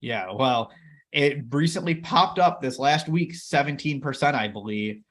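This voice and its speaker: A man's voice: mid-range voice, unhurried, fairly bright tone. Upbeat joking man co-hosting. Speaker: co-host of a dividend investing channel. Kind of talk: casual chat.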